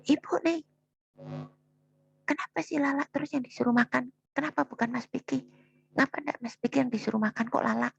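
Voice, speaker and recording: A woman voicing her defiant young adult daughter who snaps back at her mother in a shrill, argumentative way. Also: lively intonation, quick pace, creaky, warm tone, slightly rough, no echo, heavily acted. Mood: defiant shouting. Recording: dull, dry, lo-fi recording.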